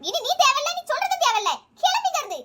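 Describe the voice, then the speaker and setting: A woman's voice: extremely high pitch, sing-song, very fast. A woman voicing a scolding old village mother-in-law in a cartoon. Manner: sharp, scolding, then softening. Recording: loud background noise.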